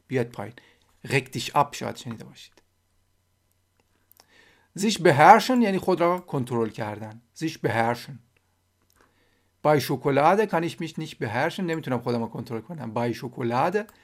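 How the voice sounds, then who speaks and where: Persian-speaking man teaching German phrases. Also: medium pitch. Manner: switches between slow, careful German example sentences and quick Persian explanations. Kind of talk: language lesson.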